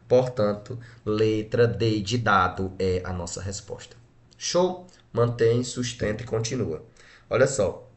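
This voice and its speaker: A man's voice: lowish voice, slow pace. A Brazilian man teaching a grammar lesson, splitting words syllable by syllable and checking in with short tag questions. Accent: Brazilian Portuguese. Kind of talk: exam-prep grammar lesson.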